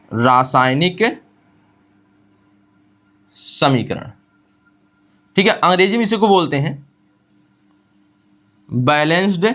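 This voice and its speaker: A man teaching a science class, asking questions and answering them himself, and repeating definitions slowly for dictation. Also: sits high, a bit bright. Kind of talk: classroom lecture.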